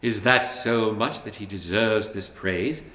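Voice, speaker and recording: A man voicing a calm, gentle spirit who speaks in a measured, even way. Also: fairly low pitch, slight background noise. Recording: roomy echo.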